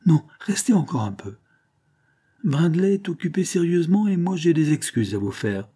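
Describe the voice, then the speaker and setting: A man's voice: fairly high pitch, very animated, normal speed, dark tone, voice pushed up. A man voicing a self-assured young hunter who sketches and speaks in a mocking, familiar way. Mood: apologetic. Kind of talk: audiobook character reading.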